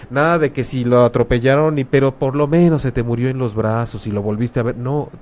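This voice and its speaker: With a Mexican Spanish accent, a male host gives casual advice in a frank, blunt way, dropping slang and acting out the things people say. His mid-range voice holds a steady tone, moving fairly quickly with a slightly mellow quality.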